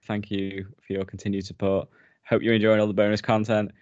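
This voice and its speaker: A man's voice: lowish voice, completely flat delivery, fairly quick, a little mellow, dry recording, highs cut off. A British man co-hosting a podcast in casual chat, laughing often as he wraps up the episode. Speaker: podcast co-host.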